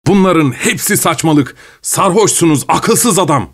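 A man voicing an anxious, hot-tempered middle-aged gentleman who speaks loudly and urgently. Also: mid-range voice, expressive, a little fast, natural voice. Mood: angry, shouting.

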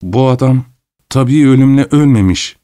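A man's voice: medium pitch, normal speed, mellow, no room sound, clean studio sound, lightly acted. A man voicing a young doctor, speaking in a firm, grave manner.

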